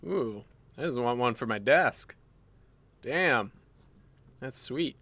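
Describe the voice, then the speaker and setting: This streaming graphic designer's mid-range voice is animated and a bit bright, yet he takes his time, rambling casually with fillers and restarts while designing live. Speaking into a desk mic in his home workspace, he sounds a little phlegmy.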